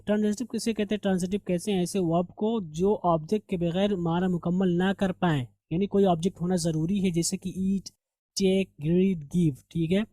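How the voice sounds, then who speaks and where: A man's voice: high voice, warm tone, no room sound. A man teaching English grammar in a recorded revision lesson, explaining step by step and answering his own questions.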